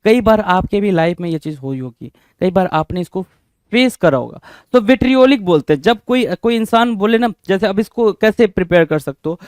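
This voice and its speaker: Energetic high-voiced vocabulary teacher. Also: male voice, a little fast, clear, resonant tone, no echo, clean studio sound. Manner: energetic, drills words with repeated questions. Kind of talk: exam-prep vocabulary lesson.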